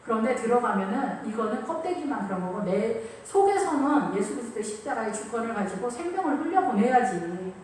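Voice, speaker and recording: A woman's voice: fairly high pitch, very animated, a little fast, few pauses, darkish tone, a little hiss or hum. A woman pastor preaching a sermon in a church, talking in an emphatic, conversational way. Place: church sanctuary. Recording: echoey room, voice from a distance.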